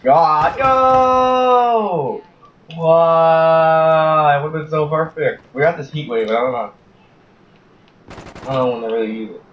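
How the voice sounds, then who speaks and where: A man's voice: fast, pauses often. Young man, chatty gameplay commentary. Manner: chatty, restless, erupts into high shouts of frustration. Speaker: gaming channel host. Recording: distant, roomy, slightly dull mic with faint hiss.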